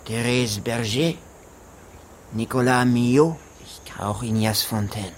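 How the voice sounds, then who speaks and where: In a German radio drama, a male actor with a mid-range voice plays a gruff, evasive rural gamekeeper, speaking slowly in clipped, offhand colloquial phrases. He sounds hesitant and dismissive, with a little hiss or hum on the recording.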